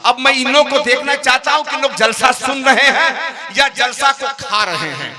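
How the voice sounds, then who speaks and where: Man, very high voice, stage compere, joking, coaxing the audience, recited couplets, crowd audible behind. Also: normal speed. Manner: jokey, coaxes and teases the crowd into responding. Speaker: compere of a religious poetry gathering. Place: large public gathering before a crowd.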